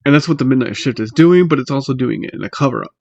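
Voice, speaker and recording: A man giving a casual, unscripted tutorial in a halting, hesitant way, pausing mid-phrase, recorded on a laptop microphone. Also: medium pitch, lively intonation, vocal fry, darkish tone, lo-fi sound. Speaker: magic tutorial host. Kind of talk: casual unscripted how-to explanation. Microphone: laptop built-in mic.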